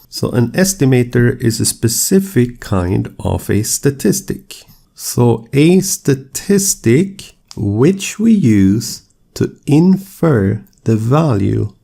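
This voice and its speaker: A man explaining statistics as a lecturer, in a measured, steady, explanatory way. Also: mid-range voice, creaky. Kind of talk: scripted lecture narration.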